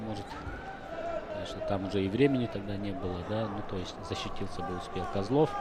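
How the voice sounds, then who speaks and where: A man's voice: on the low side, fast. A man giving conversational live wrestling commentary, thinking through the bout as he talks. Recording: noisy sports hall broadcast. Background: loud arena noise.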